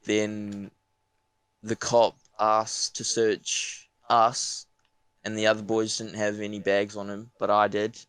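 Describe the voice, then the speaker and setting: A man's voice: on the low side, a bit bright, clear, resonant tone, no echo. A young man with a broad New Zealand accent casually telling an anecdote on a podcast, slangy, sweary and laid-back. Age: young adult. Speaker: podcast speaker.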